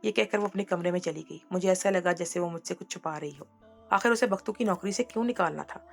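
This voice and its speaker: A woman's voice: on the low side, fast, creaky. A woman narrating a dramatic first-person story in an earnest manner. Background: faint background music.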